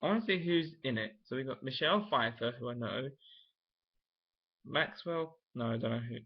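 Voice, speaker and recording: A young man chatting casually to his camera, wandering from thought to thought and restarting his sentences as he goes. His voice sits at an ordinary middle pitch, and the recording has a dull, lo-fi home sound. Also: moderate pace, husky. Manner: rambling, thinking aloud with many restarts. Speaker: vlogger. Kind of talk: casual vlog chat.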